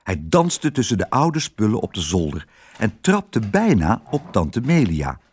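A man narrating a children's story aloud in an expressive, animated reading style. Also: on the low side, measured pace, breathy edge.

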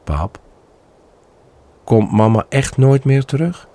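A man's voice: medium pitch, animated, slow, warm tone. A man voicing a shy, eager young male fawn in a storybook reading, in an earnest, lightly raised childlike tone.

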